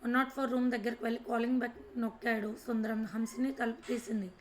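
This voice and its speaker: A woman storyteller reads a domestic serial aloud at an even pace. Her voice sits fairly high and hardly rises or falls. The narration is calm and measured. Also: slight background noise.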